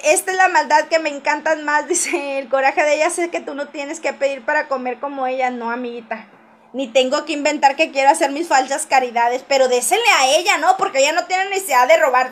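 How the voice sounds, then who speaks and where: A woman chats through a gossip livestream in a high voice. She reads viewers' comments aloud and answers them with teasing, laughing asides. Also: brisk.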